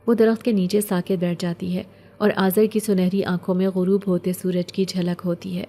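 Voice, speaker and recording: A woman narrating a scripted story in a steady, measured way. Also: fairly low pitch.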